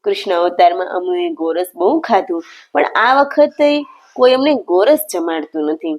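A woman's voice: lowish voice, expressive, moderate pace, lo-fi sound. A woman voicing a playful, hungry divine lord who talks to his devotee in a teasing, affectionate way.

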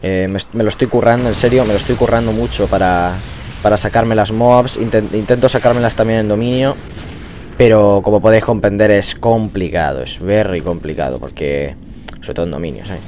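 A man's voice: fairly low pitch, brisk, a little mellow, slight background noise. A man with a Spain Spanish accent giving casual gameplay commentary, rambling with frequent restarts and fillers. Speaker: gaming YouTuber.

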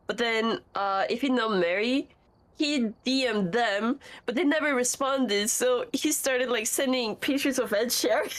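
A woman tells gossip in a casual group chat, laughing and swearing as she goes. Her voice sits on the higher side. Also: measured pace.

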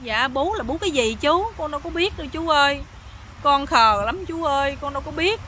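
A woman's voice: high-pitched, animated, brisk, sharp tone, slight background noise. A woman voicing a meek, naive young husband who pleads mournfully, with a Southern Vietnamese accent. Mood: pleading.

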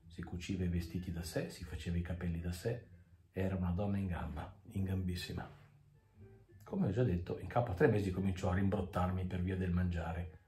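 A man reading a story aloud as a narrator, measured and dry, in an echoey room with faint music. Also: low-pitched, fairly even intonation, warm tone. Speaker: audiobook reader. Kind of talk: scripted narration.

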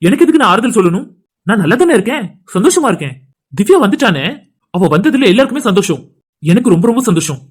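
A man's voice: high-pitched, quick pace. A man voicing a heartbroken young brother. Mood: bitter calm. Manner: bitter, self-mocking calm. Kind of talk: cartoon voice acting.

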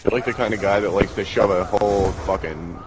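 A man's voice: on the low side, brisk, low-quality recording. A man ranting like a raging gamer during an online match, crude and foul-mouthed. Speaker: video game player. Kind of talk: raging gamer commentary, casual chat.

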